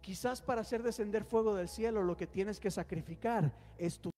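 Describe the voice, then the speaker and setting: In a reverberant church hall with faint music, a man preaches as pastor, calling the congregation to respond before leading them in prayer. His voice sits high and is a little mellow, delivered at normal speed.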